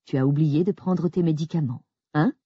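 A woman voicing a controlling husband who speaks softly and soothingly, as if to a child, in an audiobook. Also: low-pitched, normal speed, breathy edge, no echo, muffled recording. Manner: soft, soothing, patronizing. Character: calm, controlling husband, soothing yet cold.

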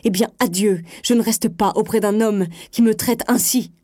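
A woman voicing an excitable wife woken in the night, raising her voice in shrill indignation. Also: moderate pace, husky, no echo, clean studio sound. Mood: outraged. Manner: shrill and outraged, exclaiming.

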